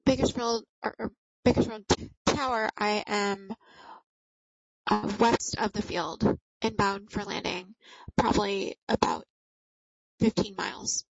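A woman's voice: mid-range voice, fairly even intonation, measured pace, husky, no room sound. A woman speaking as a pilot over the radio to the tower, somewhat hesitant. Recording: dull, dry lo-fi radio transmission.

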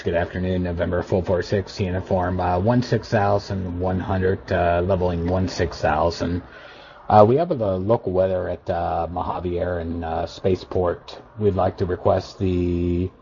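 A pilot's low, steady male voice comes over a muffled aircraft radio, with faint noise underneath. He keeps his calls easygoing and often pauses on little hesitations. It sounds like ordinary radio traffic between a cockpit and air traffic control. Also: gravelly. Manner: relaxed, with frequent hesitations. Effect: pilot talking over an aircraft radio.

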